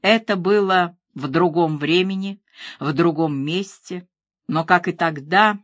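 A woman narrating a thriller audiobook in a measured, even reading. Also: on the low side, no echo, clean studio sound.

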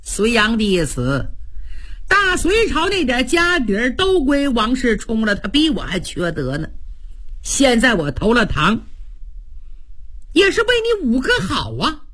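A woman's voice: fairly high pitch, wildly swooping pitch, unhurried, fairly bright tone, husky, exaggerated voice. A woman voicing a sly, cocky young male general who taunts his rival in a storytelling broadcast. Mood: placating. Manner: smug, taunting.

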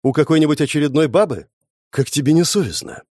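A man's voice: fast talker, darkish tone, breathy edge, no echo, studio quality. A man reading a storybook, voicing a bitter forty-year-old wife who hurls accusations in a raised, strained voice. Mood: shrill, accusing. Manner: accusing, high-pitched outbursts.

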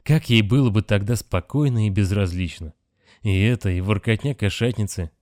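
A man reading a novel aloud as narrator, steady and measured. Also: on the low side, no echo, studio quality. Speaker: audiobook narrator. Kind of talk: scripted narration.

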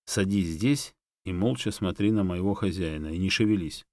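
A man's voice: low voice, moderate pace, a little mellow, no room sound. A man voicing a sarcastic, know-it-all female monkey who teases and mocks her friend. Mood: teasing. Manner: teasing, mocking.

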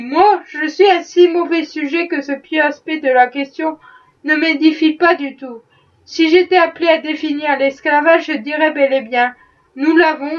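A woman reading a novel aloud, voicing an ironic wealthy gentleman who is a worldly skeptic, with a dry, mocking manner. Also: high-pitched, recorded from a distance, muffled recording. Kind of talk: audiobook reading.

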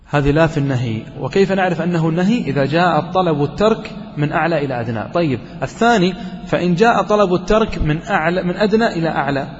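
Male grammar teacher, slightly high voice, questions and answers his class, dull lo-fi recording with long reverb. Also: animated. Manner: asks the listeners questions and answers them himself; slows down to chant quoted verses.

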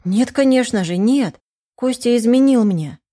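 A woman's voice: a little high, animated, unhurried, dark tone, no echo, clean studio sound, pitched above the performer's own voice. A woman voicing a nervous young divorced woman in an audiobook. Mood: flustered.

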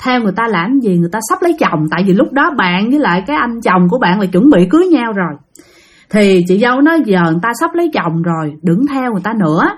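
A woman's voice: mid-range voice, sing-song, quick pace, husky. A woman telling a ghost story in a chatty, repetitive way, talking straight to her listeners. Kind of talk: casual spoken ghost story told to listeners.

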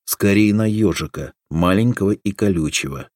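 A man doing a wry deadpan lover. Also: low voice, normal speed, dry recording, studio quality.

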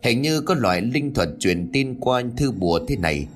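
A man's voice: medium pitch, lively intonation, normal speed, faint music behind, natural voice. A man voicing a solemn, cautious older male village exorcist in a narrated ghost story. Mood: grave.

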